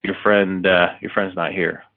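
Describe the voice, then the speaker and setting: A man voicing a menacing male executive who threatens someone at gunpoint, speaking in flat, quiet threats. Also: sits low, unhurried. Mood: cold. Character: menacing male executive holding a gun, cold. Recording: tinny phone-like line, dry.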